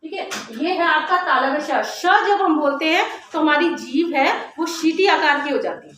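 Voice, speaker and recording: A woman teacher giving a classroom grammar lesson, explaining step by step and slowly sounding out letters to demonstrate. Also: high-pitched, a bit bright. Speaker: Hindi teacher. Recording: very echoey classroom with faint noise.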